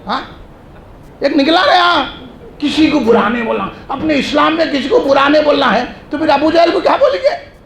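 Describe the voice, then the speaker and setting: A man delivers a fiery sermon, his voice very high and gravelly. He hammers repeated phrases and shouts refrains. The sound rings through an echoey mosque hall over a PA. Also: animated, a crowd in the background. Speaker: preacher. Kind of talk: fiery religious speech.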